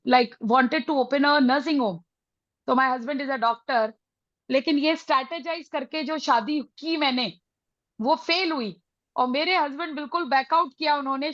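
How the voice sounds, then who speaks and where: A middle-aged woman with an Indian accent leading a motivational parenting session, mixing Hindi and English with emphatic, drawn-out phrases. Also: sits high, a bit bright, no room sound, dull audio. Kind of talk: motivational talk to a live group.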